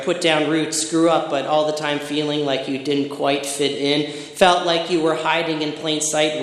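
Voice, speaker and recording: A middle-aged preacher from Michigan, USA, delivers a sermon in a voice on the high side, moving through personal stories at a steady, reflective pace. He builds emphatic lists, and his words ring around an echoey hall with long reverb.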